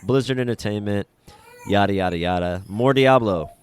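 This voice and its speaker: A man co-hosts a casual podcast, skimming game blurbs aloud in a dry, dismissive tone. His voice is lowish and his speed normal. There's a little hiss or hum in the recording.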